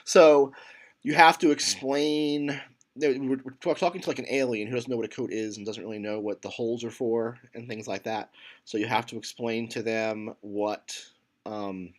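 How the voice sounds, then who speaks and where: A man's voice: mid-range voice, steady tone, normal speed. A man teaching a computer science class, talking casually with many fillers and restarts as he thinks aloud. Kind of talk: lecture.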